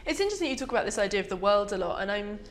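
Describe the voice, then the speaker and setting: A woman with a mid-range voice hosts a relaxed interview. She frames her questions at length, thinking them through as she goes. Her tone stays casual and conversational. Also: medium pitch, very fast. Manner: thoughtful, long winding questions.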